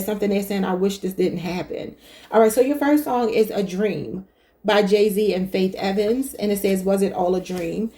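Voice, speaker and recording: A tarot reader with a warm, medium-pitched voice gives a casual reading for her viewers, chatting, thinking out loud, and calling them y'all.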